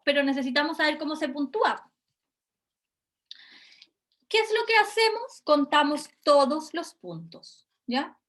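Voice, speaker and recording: A woman with a high voice teaches a university class. She walks through the material step by step in an explanatory way. She keeps pausing to check in with her students. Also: a bit bright. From Chile. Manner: explanatory, often checking in with a questioning "ya?". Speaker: university lecturer. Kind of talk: recorded class lecture.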